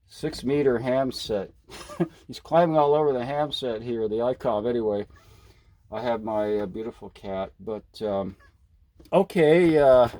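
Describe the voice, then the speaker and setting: A mid-range, slightly mellow male voice belongs to an American amateur radio operator chatting casually indoors at his home station. He rambles along in a folksy, enthusiastic manner.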